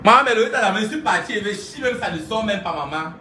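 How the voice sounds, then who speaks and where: A woman, ranting live to her followers and mocking someone. She keeps laughing, chants insults and sometimes shouts. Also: medium pitch, expressive, fast talker. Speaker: social media streamer. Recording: echoey room, voice far from mic, faint hiss.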